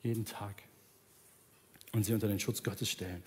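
With fairly even intonation, a moderate pace, and slight background noise, a man in his thirties preaches earnestly on a large church stage. He moves from soft and low to pleading, then prays to close, over soft instrumental music.

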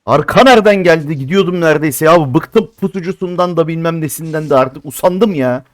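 A man's voice: fairly high pitch, a little fast, no room sound. A man giving casual live commentary on a mobile shooter game, grumbling to himself and flaring into exasperated outbursts.

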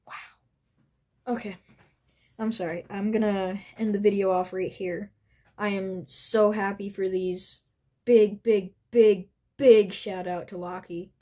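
Young female collector-vlogger, gushing and breathless, restarts sentences, slow and mellow delivery. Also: medium pitch. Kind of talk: excited unboxing vlog.

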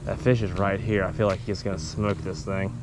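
A man's voice: low voice, little pitch movement, brisk, poor audio. A young man hosting a fishing vlog outdoors by a pond, chatting casually and laughing as he ribs his friends. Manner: laughing, playful ribbing. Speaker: fishing channel host. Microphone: chest-mounted action camera.

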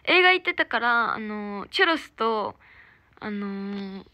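A woman's voice: medium pitch, lively intonation, unhurried, bright, forceful tone. A young woman with a Kansai accent chatting casually on a livestream, cheerfully reading out and thanking viewers for their comments and gifts. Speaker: idol livestreamer. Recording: noisy livestream audio.

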